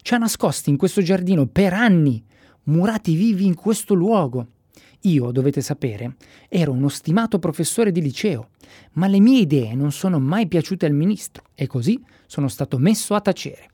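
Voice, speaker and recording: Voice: medium pitch, normal speed, slightly rough, dry recording, studio quality. A narrator doing a kindly eccentric old doctor. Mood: reassuring. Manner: calm, reassuring speechmaking. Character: kindly eccentric male doctor, former professor.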